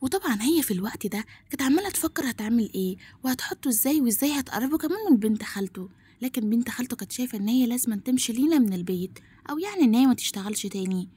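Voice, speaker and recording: Egyptian woman, drama plot recap, very rapid, husky, slightly high voice. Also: lively intonation, warm tone, no room sound. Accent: Egyptian Arabic. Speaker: narrator.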